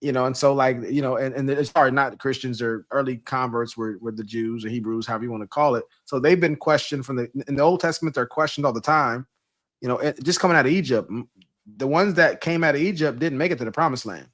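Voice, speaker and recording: A man co-hosting a casual commentary panel, explaining points earnestly with halting restarts. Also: medium pitch, fairly bright tone.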